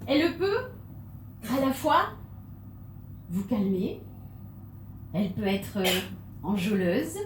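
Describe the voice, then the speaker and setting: A woman's voice: mid-range voice, sing-song, takes it slowly, pauses often, slight background noise. A woman giving a humorous stage talk, playful and theatrical, with laughing asides. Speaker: conference speaker. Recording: echoey hall, mic from far off.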